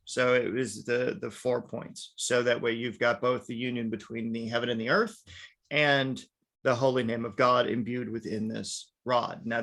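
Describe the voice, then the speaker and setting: In a chatty lecture for an online workshop, this man frequently tacks on "right?" and sprinkles in "now." His voice sits at a medium pitch and sounds fairly bright.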